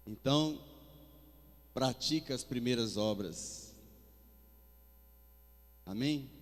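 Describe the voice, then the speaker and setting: A man preaching a sermon with fervor, his delivery swinging between soft and loud. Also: mid-range voice, slow pace. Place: church hall. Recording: long hall reverb with faint music.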